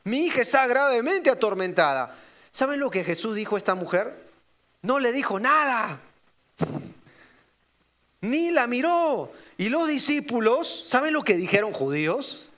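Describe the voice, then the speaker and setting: A man's voice: sing-song, a little slow. A man preaching a sermon as pastor, asking the congregation rhetorical questions and acting out the voices he quotes. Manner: acts out quoted voices with sharp pitch jumps.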